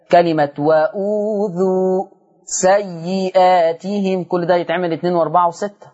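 A man with an Egyptian Arabic accent gives a broadcast lesson on Quran recitation, going over the rules quickly and then slowly stretching out example words. His voice is high-pitched, and the audio sounds dull.

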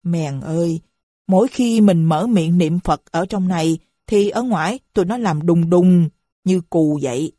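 A woman voicing a sharp-tongued old mother who nags and scolds her household in a shrill tone, in an audiobook reading. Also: a little slow, no echo, clean studio sound. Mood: indignant.

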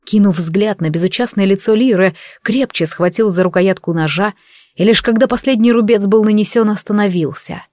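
A woman reading a fantasy novel aloud in the first person, with a steady, even delivery. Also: medium pitch, moderate pace, no echo, studio quality. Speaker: audiobook narrator. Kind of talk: first-person audiobook narration.

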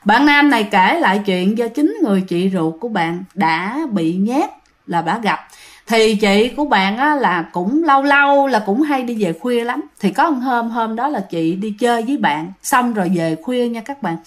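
A woman's voice: a little high, animated, moderate pace. A woman telling ghost stories in a chatty way, often addressing listeners. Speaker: ghost story narrator. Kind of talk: storytelling to listeners.

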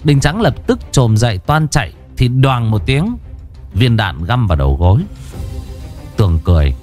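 A man's voice: medium pitch, normal speed, faint music behind. A man narrating a crime story in a dramatic, scripted way. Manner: expressive, dramatic.

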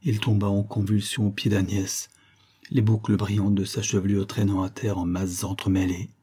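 A man narrating a novel in a steady, measured storytelling manner. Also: fairly low pitch, slightly rough. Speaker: audiobook narrator. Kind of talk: scripted narration.

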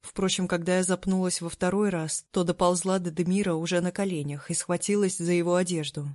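A woman reading a novel aloud as first-person scripted narration, in a steady, even storytelling manner. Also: lowish voice, a little fast, no echo, studio quality. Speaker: audiobook narrator.

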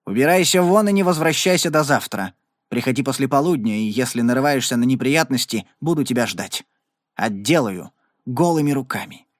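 Male reader as a fearless gunman: even, quiet, never boasting. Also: medium pitch, brisk, dry recording, studio quality, natural voice. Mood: commanding. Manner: calm, even, unboastful.

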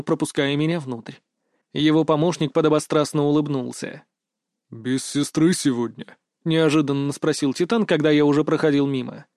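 A man narrating a first-person fantasy story in a steady, even storytelling read. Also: a little high, no echo, clean studio sound. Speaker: audiobook narrator.

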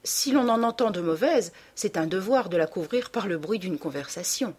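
A woman's voice: mid-range voice, lively intonation, normal speed, a little mellow, breathy edge. A woman reading an audiobook and voicing a shy, earnest young man in love.

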